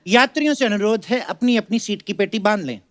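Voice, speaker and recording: High-voiced man doing a station-style announcement. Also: a little fast. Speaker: comic sketch performer. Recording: loud crowd and noise behind.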